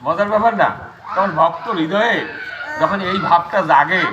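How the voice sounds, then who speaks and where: A man's voice: sits high, moderate pace, lo-fi sound. A man giving a religious discourse to a gathering, explaining his points through repeated rhetorical questions. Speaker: Gita discourse speaker. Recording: steady background noise with clicks.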